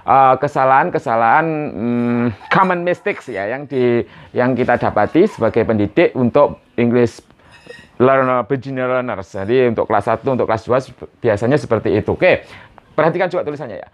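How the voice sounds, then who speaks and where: A male English teacher explaining a beginner lesson, slowly drilling short phrases for learners to repeat and mixing English into his explanations. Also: mid-range voice. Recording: dull lo-fi sound.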